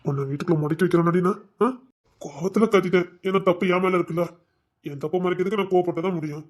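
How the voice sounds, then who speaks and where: A man's voice: high voice, fast talker, lightly acted. A man playing a pleading remorseful husband. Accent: Tirunelveli Tamil. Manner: tender, pleading, coaxing. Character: remorseful young husband coaxing his pregnant wife. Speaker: actor in a web series. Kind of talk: emotional domestic drama acting.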